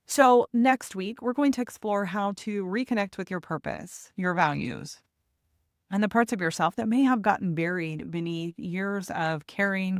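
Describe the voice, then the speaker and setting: A woman giving a gentle, deliberate motivational talk as a host, pausing reflectively between phrases. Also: mid-range voice, dry recording, clean studio sound. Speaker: podcast host and hospice nurse coach.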